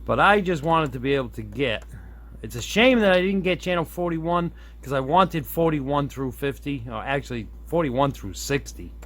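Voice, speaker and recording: Showing his hobby radio mod at a workbench indoors, a man talks at a moderate pace in a slightly high voice, casually thinking through things aloud as he demonstrates. He's captured by a camera on a tripod close by, with room ambience and steady background noise.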